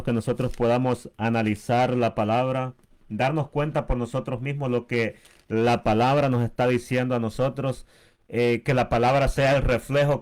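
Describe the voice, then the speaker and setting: A man co-leading a Bible study, speaking at an ordinary mid pitch. He talks unhurriedly and keeps addressing his listeners as brothers. The talk is casual and earnest. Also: darkish tone. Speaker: pastor.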